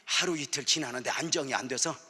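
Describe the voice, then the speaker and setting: A male senior pastor preaching a sermon, telling a personal story and moving between hushed whispers and loud shouts. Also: mid-range voice, quick pace, slightly rough. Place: church sanctuary. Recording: long church hall reverb.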